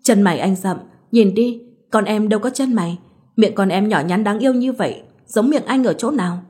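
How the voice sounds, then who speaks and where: A woman's voice: mid-range voice, a little fast, a little mellow, breathy edge, natural voice. A woman reading a sulky young new mother. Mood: quarrelsome.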